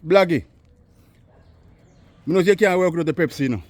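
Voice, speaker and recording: A man's voice: a little high, brisk, darkish tone, no echo. A Jamaican man vlogging, chatting in repetitive patois banter and calling out to someone from a distance. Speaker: vlogger interviewing a local. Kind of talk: casual street chat.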